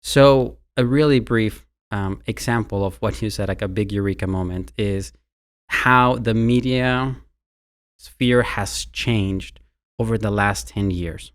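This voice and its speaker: A smooth, fairly low male voice that takes its time. He is a university marketing executive from Mexico, speaking with a Mexican Spanish accent as a guest in a conversational interview, and he often repeats words when starting a sentence.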